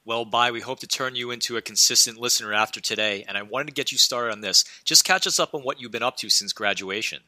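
Fast, bright-voiced male podcast host. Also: medium pitch, dry recording. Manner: polished, reads prepared questions. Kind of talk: scripted interview questions.

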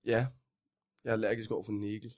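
A man's voice: on the low side, level tone, a little mellow. A male comedian guest on a podcast who stammers and restarts as he builds up absurd jokes. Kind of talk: comedic banter.

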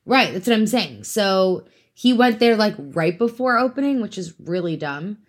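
A woman's voice: mid-range voice, expressive, normal speed. A woman from Africa, hosting a casual true crime podcast in a chatty, giggly way with teasing asides. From South Africa. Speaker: podcast host.

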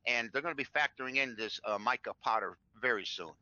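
Bright chatty sports betting host. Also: male voice, medium pitch, fast talker, no echo. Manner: chatty, rambling, stacks up stats. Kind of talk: sports betting talk show. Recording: dull lo-fi sound.

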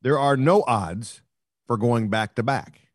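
A man co-hosting a sports talk show, telling a long rambling story that swells into excited, louder bursts. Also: mid-range voice, measured pace, no room sound, studio quality. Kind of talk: casual sports chat.

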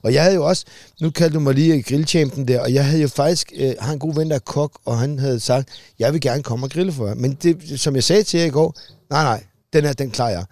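A man's voice: medium pitch, darkish tone, no echo. A man chatting casually as a podcast co-host, blunt and swearing freely. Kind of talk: casual chat.

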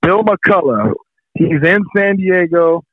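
A man's voice: sits high, slow pace, dry recording. A middle-aged man, a former pro football player, telling stories in a casual interview and acting out the people in them. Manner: animated, acts out the people in his story. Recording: tinny phone-like line, dry.

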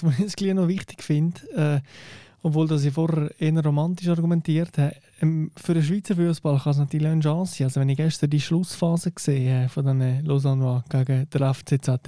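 A Swiss German-accented man gives his view in a relaxed panel discussion. His voice is a little high yet very mellow and dark, with a dry, close sound. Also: dry recording. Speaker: football panellist. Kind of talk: casual discussion.

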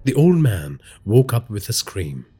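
Brief: a male horror storyteller with a husky voice and dramatic delivery. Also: lowish voice, a little slow. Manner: dramatic storytelling with lively inflection. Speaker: narrator. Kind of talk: scripted horror narration.

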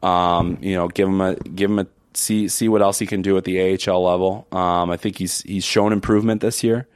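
A man talking as a guest on a casual podcast, hoarse from a cold, speaking haltingly with many restarts. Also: deep voice, steady tone, darkish tone, dry recording. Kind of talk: casual chat.

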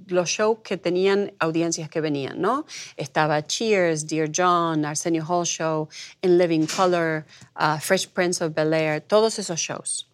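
Argentine lady guest, middle-aged, tells stories with lots of swing in her voice. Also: fairly low pitch. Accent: Argentine Spanish. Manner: animated storyteller, acts out quoted voices. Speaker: guest, producer. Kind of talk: conversational interview.

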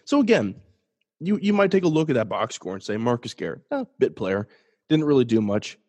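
Stuffy-nosed and sniffling, this young sports podcaster talks on his own in a very animated, brisk, mid-range voice that's a little mellow. He keeps it casual and jokey, restarting often and poking fun at himself.

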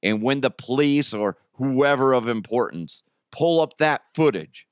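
Animated and a little slow, this American podcast host speaks in a clear, resonant mid-range voice during a casual solo comedy chat. He keeps it informal and slangy, chuckling through his own remarks, in an echo-free studio-quality recording.

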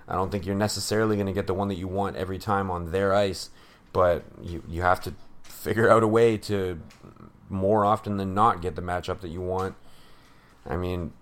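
A man's voice: low-pitched, a bit bright. A man hosting a casual hockey recap, giving his opinions in a sarcastic, offhand way with plenty of fillers. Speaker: hockey podcast host.

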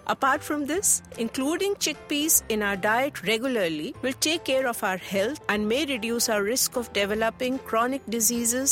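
Helpful mom , played by a woman, Indian accent, fairly high voice, chatty and instructive scripted podcast dialogue over faint music. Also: a bit bright. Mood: instructive, upbeat. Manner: chatty, instructive, Hindi-English code-switching. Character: helpful health-conscious mother sharing recipes with a friend. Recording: music bed under the voice.

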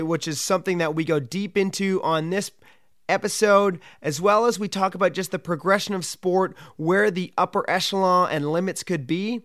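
A man's voice: sits high, a bit bright, clear, resonant tone, no room sound, clean studio sound. A man hosting a podcast, introducing the show and chatting casually with a guest. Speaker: podcast host.

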